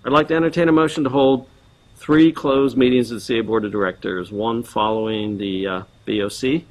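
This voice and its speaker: A man's voice: medium pitch, fairly even intonation, brisk, low-quality recording. A man chairing a board meeting, running through agenda items in a procedural way with frequent ums.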